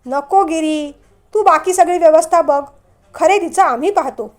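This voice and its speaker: A woman's voice: very high-pitched, normal speed, voice pushed up. A woman voicing a shy, sweet young woman about to marry. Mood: flustered.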